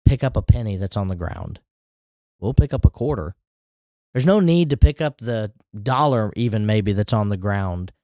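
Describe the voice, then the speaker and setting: A man's voice: mid-range voice, mellow, no room sound. Conversational man preaching, dry sound. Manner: conversational preaching with rising emphatic asides. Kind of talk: sermon.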